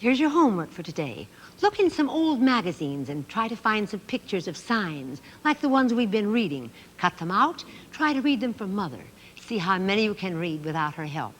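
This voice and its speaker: A woman teaching children phonics on a television course, speaking in a slow, carefully enunciated sing-song way, on an old 1960s TV recording. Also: mid-range voice, very animated, fairly bright tone, in a large hall.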